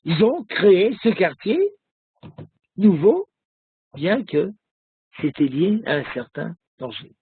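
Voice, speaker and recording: A man, a rabbi, giving a recorded religious lesson, telling a story slowly with many hesitations. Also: high-pitched, big pitch swings, breathy edge, dry recording, phone-quality sound. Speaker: rabbi teaching a class.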